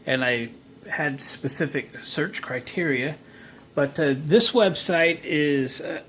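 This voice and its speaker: Slightly high and a little bright, the voice of this American how-to host moves at a slow pace. He demonstrates a repair in a folksy, offhand way, voicing his thoughts as he goes, with clear background noise behind him.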